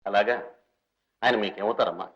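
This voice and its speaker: A man's voice: fairly low pitch, steady tone, normal speed, fairly bright tone, natural voice. An actor playing an earnest, respectful young doctor devoted to his old benefactor, speaking in a deferential, emotional way in an old film scene. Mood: calm questioning. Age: young adult. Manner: earnest, deferential, cries out in anguish. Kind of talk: 1950s Telugu film acting. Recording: dull old film soundtrack with reverb and music.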